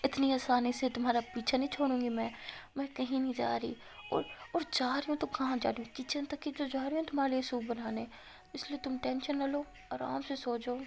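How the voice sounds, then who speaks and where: A woman voicing a young college student who soothes and teases her crying partner in a quick, coaxing, fond way. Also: high voice, steady tone, creaky, a little mellow. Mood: soothing.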